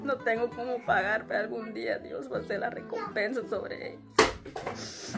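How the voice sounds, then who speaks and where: A woman's voice: fairly high pitch, normal speed, gravelly. A young woman with a Guatemalan accent telling her hardships in an interview, tearful and often quoting her conversations with her children. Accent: Guatemalan Spanish. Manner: tearful, retells conversations in quoted speech. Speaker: interviewee, struggling mother. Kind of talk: emotional personal account. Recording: loud music underneath.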